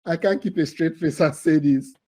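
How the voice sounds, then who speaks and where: A man's voice: fairly high pitch, normal speed, warm tone, rough recording. A man hosting a live online quiz for a training cohort over a video call, teasing the players and laughing often.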